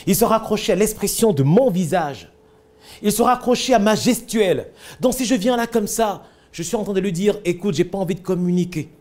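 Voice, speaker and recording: A man leads a public speaking lesson in a high, mellow voice. He teaches emphatically, putting on little scenes and firing rhetorical questions at his listeners. He chuckles now and then as he explains. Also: brisk. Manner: emphatic, lively delivery with acted-out examples and rhetorical questions.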